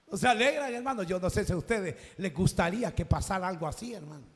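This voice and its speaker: A Salvadoran man with a high-pitched voice preaches fast and animatedly in a big-sounding room, telling a personal story, acting out its conversations, and occasionally rising to a shout.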